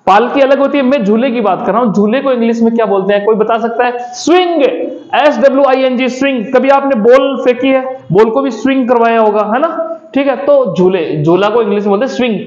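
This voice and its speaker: A man's voice: very high voice, brisk, a little mellow. A man teaches English vocabulary to children, repeating each word and asking the class to call it back. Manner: repetitive call-and-response questioning. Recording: echoey muffled room recording.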